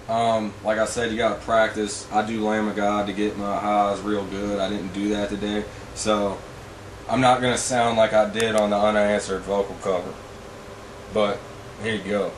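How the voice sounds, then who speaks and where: A man's voice: fairly low pitch, background noise. A man giving a casual, informal vocal tutorial as a coach, rambling and blunt with frequent swearing.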